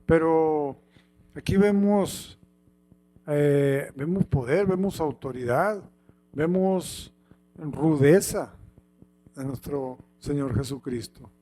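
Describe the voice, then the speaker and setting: A man reading Bible passages aloud and then preaching on them, with slow, halting delivery and many repeated words and fillers. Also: fairly high pitch, warm tone.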